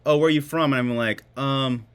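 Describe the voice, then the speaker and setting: A man's voice: medium pitch, a little fast, clear, resonant tone. A man from Hawaii, a podcast guest, telling jokey stories casually and laughing often. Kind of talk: casual storytelling.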